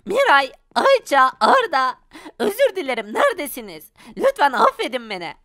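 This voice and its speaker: A woman's voice: high-pitched, huge pitch swings, moderate pace, fairly bright tone, dry recording, clean studio sound, exaggerated voice. A woman voicing a confused, moody poor father in a Minecraft parody, fretting aloud to himself. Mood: fretful. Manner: fretful, talking to himself.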